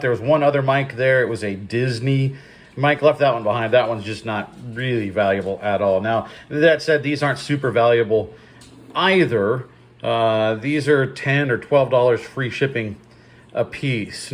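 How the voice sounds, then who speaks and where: A man talks casually through a table of thrift finds at a middling pitch. He thinks aloud about prices. The room around him is noticeably echoey. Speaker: thrift reseller showing his finds. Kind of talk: casual haul video chat.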